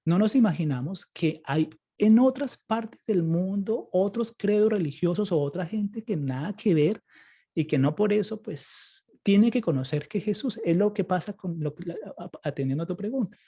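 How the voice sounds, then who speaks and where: A Colombian priest with a high, husky, dark-toned voice speaks animatedly at a normal pace while giving a Bible study lecture. He answers questions patiently and keeps checking in with listeners, often ending sentences with "¿cierto?" or "¿sí?".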